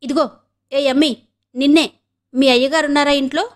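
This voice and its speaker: An impatient young gentleman, brusque and quickly irritated, as a female narrator reads him. The voice keeps her own fairly high pitch and comes from an audiobook reading. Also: fairly even intonation, close to an everyday voice.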